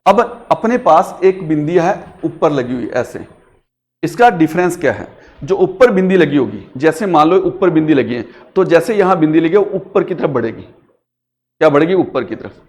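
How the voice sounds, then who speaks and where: A male Hindi teacher, with a slightly higher voice than most men, lectures a class and keeps checking understanding by repeating questions. His delivery is patient and methodical, and each point is explained step by step. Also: animated, normal speed.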